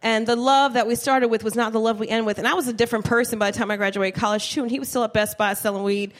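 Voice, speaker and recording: A woman's voice: fairly high pitch, racing. Profane woman doing stand-up. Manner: profane, animated, talks to the crowd. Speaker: stand-up comedian. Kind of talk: stand-up storytelling. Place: comedy club stage with live audience. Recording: live show with faint room noise.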